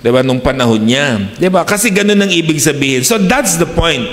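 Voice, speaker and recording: A man's voice: fairly high pitch, lively intonation, fairly quick, fairly bright tone, reverberant, long reverb tail. A Filipino man preaching a sermon, mixing English phrases into his talk and asking his listeners "di ba?" to keep them with him.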